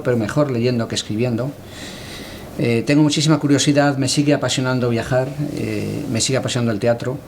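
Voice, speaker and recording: A middle-aged man from Galicia, Spain, giving reflective interview answers as a cultural editor, measured and thoughtful with hesitant pauses. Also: mid-range voice, a little mellow, a little hiss or hum.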